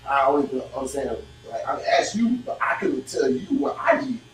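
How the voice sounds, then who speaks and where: A man in his thirties hosting a casual group podcast chat, talking animatedly with slang and quick interjections. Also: medium pitch, sing-song. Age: 30s. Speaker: podcast host. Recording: echoey room, mic at a distance, faint noise.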